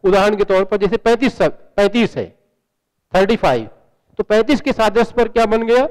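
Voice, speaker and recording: A man's voice: sits high, a little fast, a little mellow, big-room sound, low-quality recording. A man giving a university lecture, explaining patiently with many examples and rhetorical questions.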